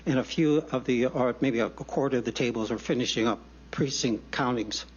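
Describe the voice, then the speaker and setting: A man's voice: mid-range voice, husky. Breathless man testifying at a hearing. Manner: halting, many fillers and restarts. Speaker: public hearing witness. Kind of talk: public testimony. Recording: dull lo-fi hearing room audio.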